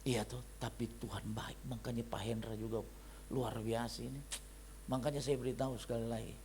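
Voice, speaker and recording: A middle-aged male pastor preaching a sermon, telling stories with sudden shifts between loud, excited bursts and quiet asides. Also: mid-range voice, brisk, a little hiss or hum. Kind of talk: sermon with storytelling. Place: fellowship meeting hall.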